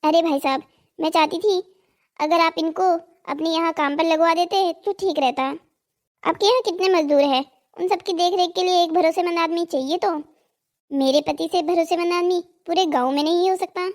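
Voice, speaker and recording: A woman voicing Savita, a high-pitched nagging wife. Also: moderate pace. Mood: pleading. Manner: scolding, pleading. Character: nagging village wife, greedy and impatient. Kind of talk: cartoon drama voicing.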